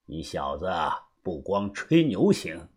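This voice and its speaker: A man voicing an older, calm, secretive uncle who speaks low, hushed and measured, as an audiobook character. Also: breathy edge, full character voice. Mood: amused.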